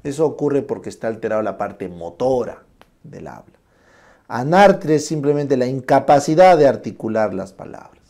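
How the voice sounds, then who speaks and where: A male lecturer with a gravelly, mellow voice. He explains each term slowly and acts out examples. He keeps checking in with his class through short tag questions. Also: medium pitch.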